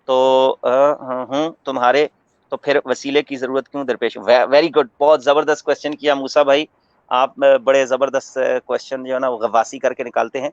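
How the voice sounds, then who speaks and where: A man giving a religious talk as a scholar, preaching in a measured way, quoting Arabic verses and explaining them with everyday examples. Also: medium pitch, little pitch movement, clear, resonant tone, dry recording. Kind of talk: religious talk on a radio broadcast. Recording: muffled radio broadcast audio.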